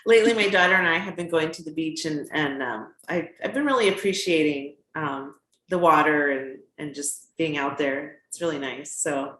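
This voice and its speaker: A woman, a children's book author and teacher, hosting an interview in a warm, affirming way with frequent "um" fillers. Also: sits low, moderate pace. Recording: echoey room.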